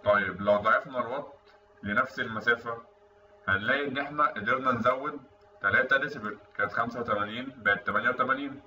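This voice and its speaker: A medium-pitched, bright and forceful voice belongs to an Egyptian Arabic-accented instructor giving an informal technical voice-over. The sound is dull and roomy, picked up by a distant mic with slight noise.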